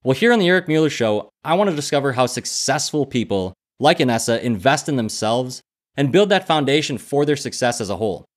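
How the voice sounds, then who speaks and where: Thirties male podcast host, average pitch, warm chatty interviewer, recorded on a headset over a video call. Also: animated, fairly quick. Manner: friendly, chatty, many restarts. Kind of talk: interview hosting. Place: indoor room at home.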